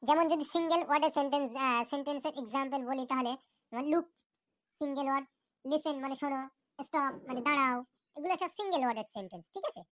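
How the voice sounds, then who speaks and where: A woman voicing a high-voiced cartoon teacher. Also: rapid-fire, a bit bright. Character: patient female English teacher, adult. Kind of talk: cartoon classroom lesson.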